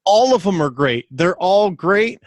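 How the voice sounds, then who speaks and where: A man's voice: sits high, animated, measured pace, dry recording, studio quality. A man co-hosting a podcast, telling stories with a crude, joking manner. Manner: joking, storytelling, crude humor. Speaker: podcast co-host. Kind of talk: casual chat.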